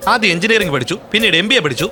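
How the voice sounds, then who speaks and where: A man playing a cheeky, fast-talking young prankster. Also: high-pitched, animated, crowd noise. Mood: teasing. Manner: teasing, playful, fast-talking. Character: cheeky young male student, mischievous prankster. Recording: film dialogue over music.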